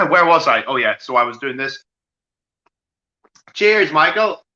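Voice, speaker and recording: Guy hosting online comedy night, super bright voice, dull lo-fi roomy sound. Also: a little high, lively intonation, a little slow. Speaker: show host.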